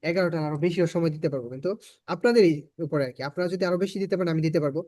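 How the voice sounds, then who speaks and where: Man, bangladeshi accent, english teacher, high voice, dry close sound, patient and repetitive. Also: very fast, a little mellow, no room sound. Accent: Bangladeshi Bengali. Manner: patient, repeats points for learners. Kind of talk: online spoken English class.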